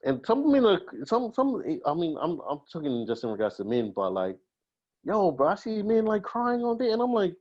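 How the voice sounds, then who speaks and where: A man's voice: high-pitched, huge pitch swings, normal speed, darkish tone, lo-fi sound. A man hosting a podcast in casual chat, laid-back and saying "bro" a lot. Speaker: podcast host.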